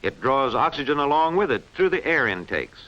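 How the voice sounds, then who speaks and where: Narrating a scripted instructional film, a man speaks a little fast in a bright, forceful voice of medium pitch. He lays out each point with crisp, didactic precision, his tone lively and up-and-down. The audio has the muffled, narrow-band quality of a vintage film soundtrack.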